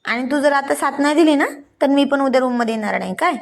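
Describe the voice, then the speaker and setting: A teasing, affectionate young husband, voiced by a woman storyteller who coaxes in a light, fairly high voice. The delivery stays close to a plain reading voice, with playful banter. The tone is gentle and intimate. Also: quick pace. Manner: teasing and coaxing.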